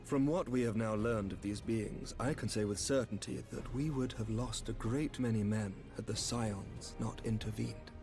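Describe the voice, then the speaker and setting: An actor playing a courtly, measured knight commander in a fantasy game, with a smooth, snake-like voice. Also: male voice, on the low side, fairly even intonation, over music. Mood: formal, grave. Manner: formal, deliberate, diplomatic. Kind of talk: fantasy video game acting.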